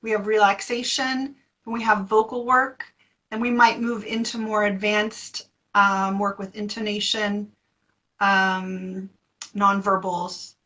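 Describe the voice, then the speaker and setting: An American woman, a voice therapist, answering interview questions in a playful, animated way. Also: medium pitch, slow, low-quality recording.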